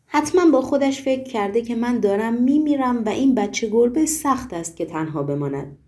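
A woman's voice: on the high side, animated, a little mellow, pitched above the performer's own voice, lightly acted. A woman voicing a doctor's female secretary in a storybook reading, eager and reassuring. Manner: quick, reassuring.

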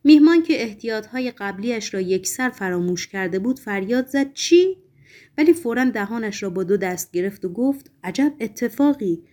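A woman's voice: mid-range voice, animated, hardly any pauses, darkish tone. A woman narrating a novel. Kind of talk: audiobook narration.

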